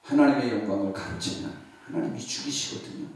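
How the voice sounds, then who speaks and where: A man preaching a revival sermon, loud one moment and hushed the next, acting out the voices in his story. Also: mid-range voice, quick pace. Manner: swings between loud exclaiming and hushed near-whispers. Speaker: pastor. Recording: very echoey hall from far off.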